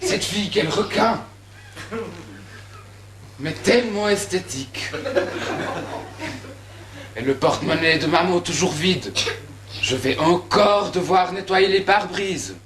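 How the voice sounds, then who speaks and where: A man's voice: sits high, expressive, slow, pauses often, a crowd in the background. A man playing a lazy, scheming young man who speaks in a wry, mocking monologue, in an amateur stage comedy. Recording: echoey stage.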